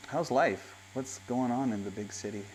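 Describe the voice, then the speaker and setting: A man's voice: mid-range voice, moderate pace, darkish tone, slight background noise. A man in his fifties, a tattoo artist hosting a podcast, telling stories in a chatty, laughing way from his studio on a lapel mic. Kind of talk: casual chat.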